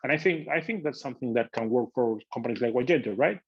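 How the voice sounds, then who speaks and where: A man's voice: medium pitch, lively intonation, fast talker, breathy edge, highs cut off. A man with an Argentine accent explaining technical work as an interview guest. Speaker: podcast guest, tech product manager.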